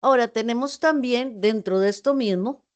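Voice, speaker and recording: Spanish-speaking woman teaching online, animated. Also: fairly high pitch, moderate pace. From Costa Rica. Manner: explanatory, asks students rhetorical questions. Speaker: university tutor. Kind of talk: online class lecture. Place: video call. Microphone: video call.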